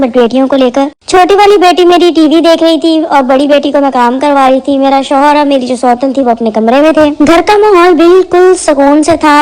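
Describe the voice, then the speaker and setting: High-voiced woman telling a family story. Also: darkish tone, low-quality recording. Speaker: vlogger. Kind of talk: casual storytelling.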